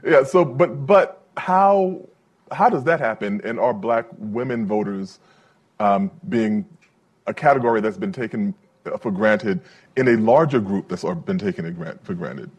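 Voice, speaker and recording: A man's voice: lowish voice, animated, unhurried, husky. A man moderating a live discussion, loose and chatty with lots of fillers. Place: event room with a live audience.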